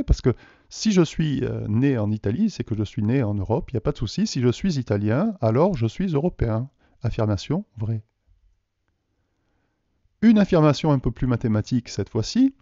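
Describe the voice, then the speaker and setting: A man's voice: medium pitch, warm tone, no room sound. A man from France teaching a math lesson in a video, explaining patiently and putting questions to the viewers. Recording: dull, dry lo-fi voice recording.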